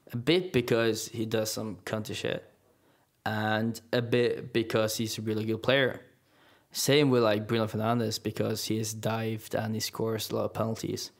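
A man's voice: fairly low pitch, level tone, moderate pace. A young man, chatting casually and rambling with many restarts and fillers. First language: Norwegian. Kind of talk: casual chat.

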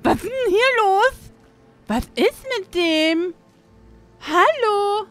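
Woman doing a young soldier woman, very high voice, bright, stammering, flustered, game role-play. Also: animated, faint music behind, exaggerated voice. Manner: flustered, stammering, quick to cry out. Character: excitable clumsy young woman soldier, chatty. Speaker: role-play player character.

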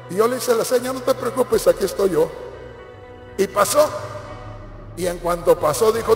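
A pastor preaches in a high, gravelly voice, telling stories and acting out the people in them. He is recorded in a church hall with a long echo. Soft music plays behind him. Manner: storytelling, acts out quoted voices. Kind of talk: sermon.

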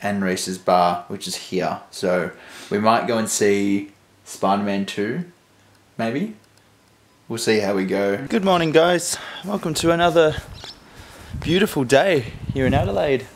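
A man's voice: lowish voice, unhurried. A young man chatting casually and cheerfully in a travel vlog, filming himself at arm's length. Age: young adult. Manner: chatty, upbeat, laughs between remarks. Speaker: vlogger. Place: streets, car and house, in and out of doors. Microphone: camera held at arm's length.

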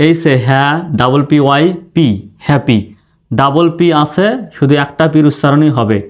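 A man teaches English reading in a slow, deliberate way. He spells each word out letter by letter, then sounds it out. His voice sits a little high for a man. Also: darkish tone. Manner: spells words letter by letter, then says them slowly. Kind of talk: spelling and pronunciation lesson.

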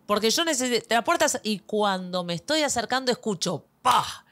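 Argentine woman, podcast co-host, animated storytelling, fairly high voice. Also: a little fast. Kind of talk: casual chat.

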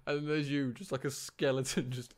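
A man hosting a casual podcast chat, teasing his guest with quick jokes. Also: medium pitch, little pitch movement. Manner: teasing, jokey interjections. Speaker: podcast host.

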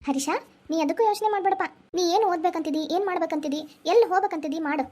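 A woman's voice: very high-pitched, rapid-fire. A woman voicing a kind, reassuring mother in a cartoon, with a North Karnataka Kannada accent. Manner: gentle, reassuring.

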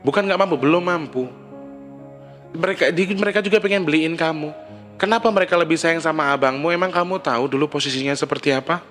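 A man's voice: fairly high pitch, fast, a bit bright, soft background music. Scolding man giving life advice. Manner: preachy, scolding, asks the listener questions. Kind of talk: casual advice monologue.

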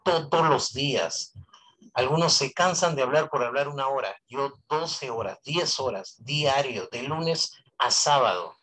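A male teacher lecturing on economics to an online class through a voice amplifier. He keeps asking his students questions and repeats key phrases to drive each point home. His voice sits at an ordinary middle pitch. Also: animated, a little slow, fairly bright tone, low-quality recording. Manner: asks students constant rhetorical questions.

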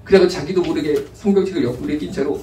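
Pastor preaching a story in an echoey chapel. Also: male voice, on the high side, very fast, slight background noise. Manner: lively anecdotal preaching with acted quotes. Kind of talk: storytelling sermon. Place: church sanctuary. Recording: echoey room, mic from a distance.

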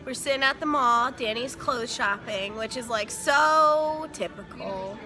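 High-pitched, unhurried young woman vlogging. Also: bright, forceful tone, soft background music. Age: 20s. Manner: playful, teasing. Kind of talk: casual travel vlog chat. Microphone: phone at arm's length on a selfie stick.

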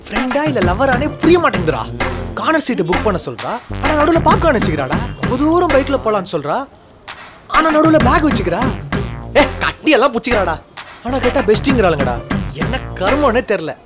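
An actor playing a frustrated young man ranting quickly about love troubles. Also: very high voice, big pitch swings. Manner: rapid complaining rant. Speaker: lovesick friend. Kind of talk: film comedy acting. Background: film music.

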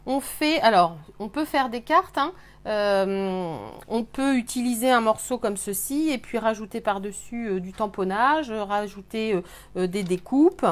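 Woman host of a live craft workshop, slightly high voice, halting and filler-heavy delivery. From France. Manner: hesitant, many fillers. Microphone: webcam on a live stream.

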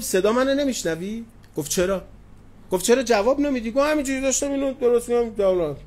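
Brief: high-pitched middle-aged male preacher telling stories in a sermon, affectionate with his listeners. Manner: addresses listeners tenderly, retells anecdotes with quoted dialogue. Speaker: cleric preacher. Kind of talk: sermon with storytelling. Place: religious gathering hall.

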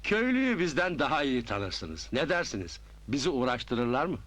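A man's voice: mid-range voice, very animated, moderate pace, fairly bright tone. An actor playing a polite, calculating businessman who talks in a businesslike way, in a 1980s film. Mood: scheming. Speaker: businessman buying land. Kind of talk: 1980s film drama acting.

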